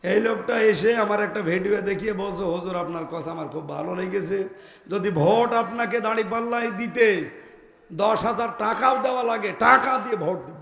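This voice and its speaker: Male preacher, high voice, fervent shouted sermon over a PA in an echoey space. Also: moderate pace, gravelly. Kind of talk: waz sermon. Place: outdoor religious gathering with PA.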